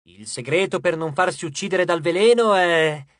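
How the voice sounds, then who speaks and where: An audiobook narrator voicing a boastful, theatrical male harvest god who declaims loudly and grandly. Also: medium pitch, normal speed, no room sound, clean studio sound, lightly acted. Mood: instructive. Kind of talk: audiobook character voice.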